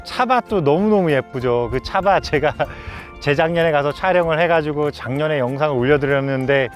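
A man with a fairly high voice hosts a travel vlog from a mountain top. He speaks in formal, polite presenter phrases broken by exclamations of wonder. Soft music plays behind him. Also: normal speed. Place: outdoors on a windy mountain top.

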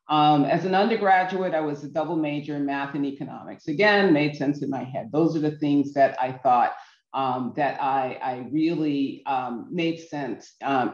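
A woman's voice: sits low, muffled recording. Woman presenting over a roomy video call. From Barbados. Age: middle-aged. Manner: earnest, measured, with frequent ums and restarts. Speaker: workshop speaker. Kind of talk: virtual workshop presentation.

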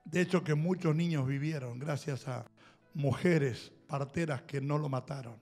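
Male Rioplatense preacher, high-pitched, emphatic sermon delivery with faint music behind. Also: normal speed, darkish tone. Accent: Rioplatense Spanish. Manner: emphatic, exhorting, with audience call-and-response. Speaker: apostle and pastor.

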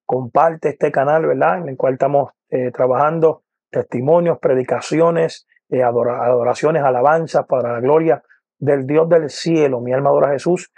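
A man in his forties with a Puerto Rican accent, an evangelist giving his personal testimony to camera, earnest, often pausing on "eh" and repeating praise phrases. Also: medium pitch, fairly even intonation, a little mellow, no room sound. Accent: Puerto Rican Spanish. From Puerto Rico. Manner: earnest, repeats "poderoso el nombre de Jesús", many "eh" and "¿verdad?". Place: indoor room with lamp, seated. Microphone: lapel mic.

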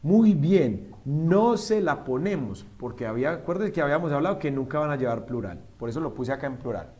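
A man teaching a language class, patiently spelling out examples slowly and quizzing his students. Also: on the high side, animated, darkish tone. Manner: often checks in with a quick "¿sí?". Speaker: English teacher. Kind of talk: online classroom lesson.

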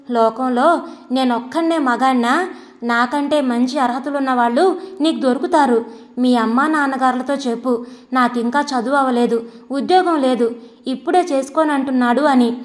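A woman's voice: high voice, moderate pace, natural voice. Woman narrator doing a condescending young college man in a storybook reading; lectures, brushes things off. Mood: lecturing. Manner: lecturing, talks down. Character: young male student, glib and dismissive.

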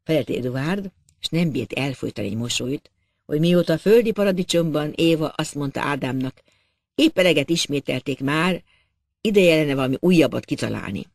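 Gravelly-voiced male audiobook narrator. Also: a little high, animated, no room sound, studio quality. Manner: measured literary narration, acts out characters. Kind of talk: audiobook reading of a classic novel.

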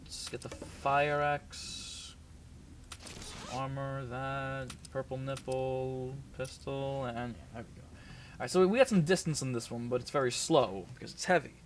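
With a crowd audible in the background, a young gaming commentator speaks at a medium pitch and measured pace. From a small home room, he casually plays a shooter, rambling, swearing, and chatting with viewers through a desk mic.

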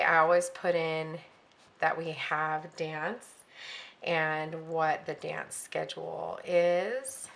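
A middle-aged woman with a bright, crisp edge to a lowish voice, chatting through her week's schedule. She thinks aloud as she goes, filling pauses with ums and correcting herself mid-sentence. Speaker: planner vlogger. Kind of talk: casual planning walkthrough.

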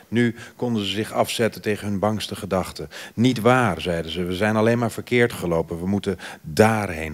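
A man reading a novel excerpt aloud at a literature festival, in a measured voice that drops to a hush at line ends, on a theatre stage. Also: low voice. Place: theatre stage before an audience.

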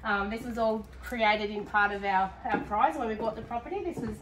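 Followed by a handheld camera through a large furnished house, a middle-aged Australian prize home tour guide talks a little fast in a mid-range voice, full of gushing enthusiasm. She's recorded from a distance, with roomy echo, noise, and moments off-mic.

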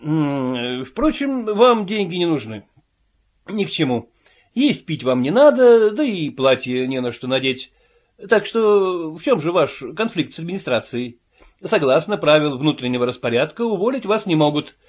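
A man's voice: a little high, big pitch swings, moderate pace. A man doing an officious union chairman. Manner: officious, matter-of-fact. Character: bureaucratic male trade-union chairman.

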